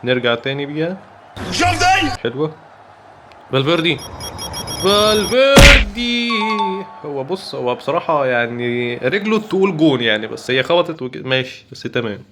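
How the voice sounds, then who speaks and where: A young man with an Egyptian Arabic accent giving excitable live commentary over football gameplay, breaking into rapid repeated cries. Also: mid-range voice, heavy background noise. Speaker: gaming YouTuber.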